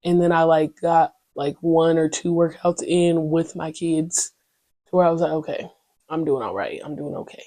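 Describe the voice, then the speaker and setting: On a dry recording, a young podcast host talks on her own show in a candid, slangy, rambling way, constantly saying "you know what I'm saying." Her voice sits low and sounds mellow, at a moderate pace.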